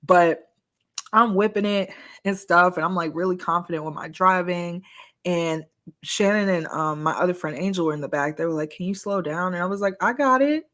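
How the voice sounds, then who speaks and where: A woman co-hosting a podcast, in a lower voice than most, telling a personal story in easy conversation. Her delivery is animated, with a steady stream of "like" and laughs at her own past self. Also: moderate pace. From United States. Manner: animated storyteller, heavy use of "like", laughs at herself. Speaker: podcast co-host. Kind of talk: casual storytelling chat.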